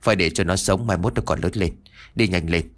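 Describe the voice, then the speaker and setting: A man voicing a cruel, lecherous young landlord's son who gives gruff, commanding orders. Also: sits low, a little fast. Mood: menacing.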